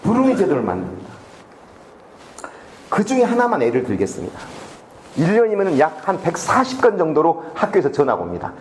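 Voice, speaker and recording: A man's voice: a little high, fairly quick, pauses often, slight background noise. A middle-aged man giving a public lecture, telling a story and acting out its dialogue. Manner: animated, acts out dialogue in his story.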